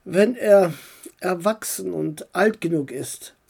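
A woman voicing a kind but secretive uncle who dodges questions and teases gently in a storybook reading. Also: on the low side, slow pace, vocal fry, husky, full character voice. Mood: teasing calm. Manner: evasive, gently teasing.

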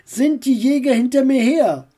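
A woman's voice: high-pitched, normal speed, warm tone, slightly rough, voice pushed up. A woman voicing a curious, stubborn young boy who keeps pressing with questions in a storybook reading. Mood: eager questioning. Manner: questioning, insistent.

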